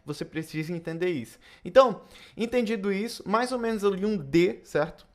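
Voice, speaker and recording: In a laid-back video lesson on saxophone technique, a young Brazilian man speaks with a fairly high voice and a Brazilian Portuguese accent. The teacher keeps it casual, often ending phrases with brief tag questions aimed at the viewer.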